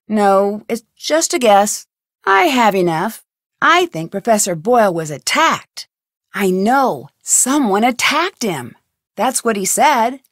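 This game voice-acting clip features the protagonist of a mystery game: a curious, persistent young girl working as an amateur detective, inquisitive and thinking aloud as she investigates. Her voice sits a touch high and moves freely up and down as she muses and asks questions. A studio microphone captures it close and dry, with no room sound at all.

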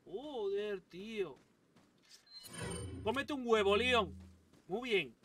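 Excitable man from Spain, high voice. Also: drawn-out words. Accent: Spain Spanish. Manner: swearing, excitable outbursts. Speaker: gaming YouTuber. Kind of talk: let's play commentary. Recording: distant mic with loud game noise.

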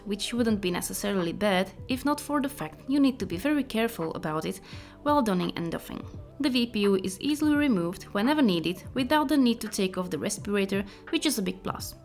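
A woman delivers scripted narration for an equipment review. Her voice sits at a middling pitch, with soft music running faintly underneath.

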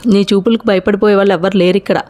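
A woman voicing a sharp-tongued young college woman who is sarcastic and quick-tempered. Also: mid-range voice, fairly even intonation, natural voice.

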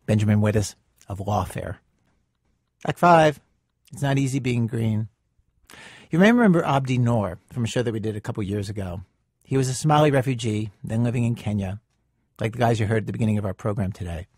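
A man hosting a radio show, reading scripted narration in a measured, conversational way. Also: lowish voice, a little mellow, husky, no room sound, studio quality. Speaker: radio host.

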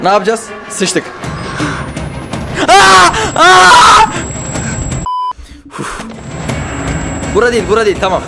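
A man giving live commentary while playing a horror game, jumpy and panicky, often yelling and swearing. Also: high-pitched, brisk, pauses often, loud music behind the voice.

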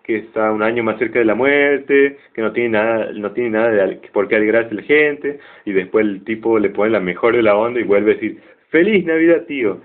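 A man's voice: lowish voice, brisk, hardly any pauses. A man hosting a show, retelling a cartoon story in a casual, chatty way with joking asides. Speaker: cartoon reviewer. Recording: tinny phone-like sound.

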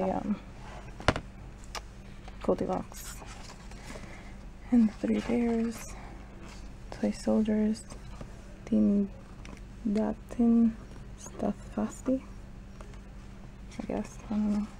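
Her medium-pitched voice is gravelly and flat, extremely slow, with long pauses, against a noisy background. The young woman is a travel vlogger casually narrating while shopping indoors at shops and a mall, chatty and hedging her thoughts aloud with "I don't know." She records on a handheld camera at arm's length.

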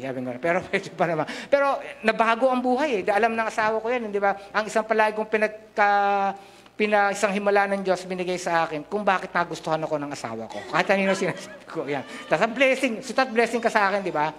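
A man's voice: sits high, expressive, fast, a bit bright. A middle-aged man from the Philippines preaching a sermon into a handheld mic in a large church hall, mixing Tagalog and English and joking with the congregation. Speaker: pastor.

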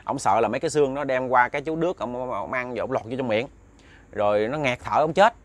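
A man's voice: medium pitch, quick pace. Man telling ghost stories. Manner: conversational retelling with many fillers and repeats. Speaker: storyteller. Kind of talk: ghost story narration.

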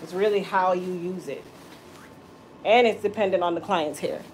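A woman's voice: fairly low pitch, normal speed, slight background noise, poor audio. Chatty woman hairstylist explaining a process. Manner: chatty, explains steps, laughs at comments. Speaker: hair stylist. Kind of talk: casual salon tutorial livestream. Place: small hair salon, indoors.

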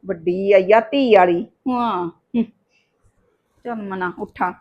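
A woman's voice: sits high, moderate pace, muffled recording, close to an everyday voice. A woman acting a nagging mother-in-law in a village short drama, complaining and scolding. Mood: grumbling. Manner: nagging, complaining, grumbles to herself.

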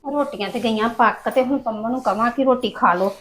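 A woman's voice: on the high side, fairly quick. A woman with a Punjabi accent playing a complaining housewife in a family drama.

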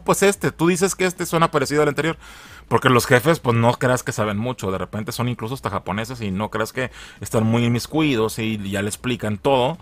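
A man's voice: mid-range voice, fairly bright tone. A man with a Mexican Spanish accent hosting a casual film news commentary, slangy and laughing often. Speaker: channel host.

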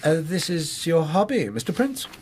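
An actor playing an earnest, proper gentleman doctor with an English accent and a husky, hesitant delivery in a radio drama. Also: fairly high pitch, very animated, moderate pace, slight background noise. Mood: curious. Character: earnest, easily shocked Victorian gentleman doctor. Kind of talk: British radio drama acting.

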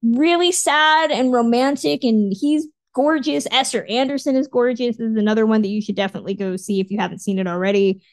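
A woman co-hosting a podcast, recommending things in a relaxed, upbeat chat. Her voice sits a little high, and she sounds friendly and keen. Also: a little fast, hardly any pauses, no room sound. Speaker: podcast co-host. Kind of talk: casual chat.

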